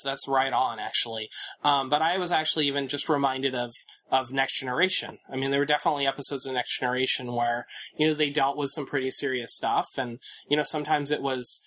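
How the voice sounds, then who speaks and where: A man's voice: fairly high pitch, sharp tone. A man co-hosting a casual podcast chat, thinking aloud with many fillers and restarts. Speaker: podcast co-host.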